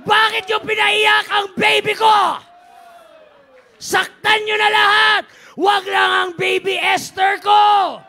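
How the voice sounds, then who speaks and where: A man's voice: very high voice, little pitch movement, takes it slowly, gravelly, some chatter behind, pitched above the performer's own voice, heavily acted. A preacher acting out a lovesick ancient king who heaps pet names on his queen and bellows in rage. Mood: furious. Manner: doting pet names, then raging shouts.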